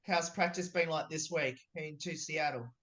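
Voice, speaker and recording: A man's voice: a little high, moderate pace, bright, forceful tone. Young man, sports interviewer, casual questioning style, indoor video call.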